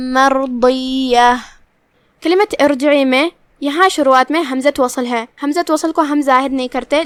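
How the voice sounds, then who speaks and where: A woman teaching Quran recitation, explaining each letter methodically and reciting verses slowly. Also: sits high, no echo. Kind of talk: tajweed lesson with slow recitation.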